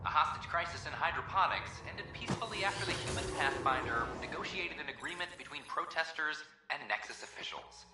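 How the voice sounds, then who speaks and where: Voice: mid-range voice, lively intonation, a little fast, few pauses. An actor playing a station announcer, reading formal news bulletins and notices over a public address system in a video game. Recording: echoey PA with loud ambient hum.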